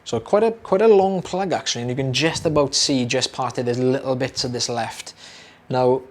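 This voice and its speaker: A young audiologist from Britain chats casually to camera about a procedure, using plenty of fillers and saying words more than once. At a moderate pace, his mid-range voice comes across a little hoarse, as though he's losing it.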